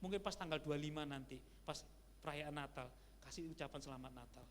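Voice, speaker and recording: A male pastor preaching a sermon in a conversational style, with lively asides to the congregation. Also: on the high side, fast talker. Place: church sanctuary. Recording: church hall reverb with faint hum.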